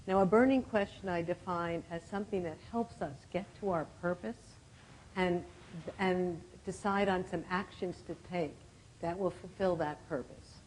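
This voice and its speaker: A woman in her seventies giving a reflective storytelling talk to a conference audience, often clearing her throat. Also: lowish voice, a little mellow, slight background noise, rough recording. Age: 70s. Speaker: conference speaker.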